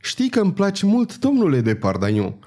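A man's voice: high voice, huge pitch swings, warm tone, pitched above the performer's own voice, exaggerated voice. A man reading the part of a sly, brusque but jovial king who teases his visitor. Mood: teasing. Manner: brusque then teasing.

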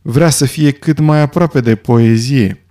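A man's voice: medium pitch, close to an everyday voice. A man voicing a hardened adventurer who speaks in a somber, strained way. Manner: somber, rising to shouting. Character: hardened male adventurer near breaking.

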